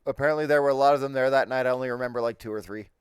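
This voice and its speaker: A man's voice: mid-range voice, fairly even intonation, rapid-fire, smooth, no room sound, clean studio sound. A man in casual chat over an online voice call, telling a rowdy story with laughs and swearing. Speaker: tabletop game player. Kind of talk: casual chat before a game session.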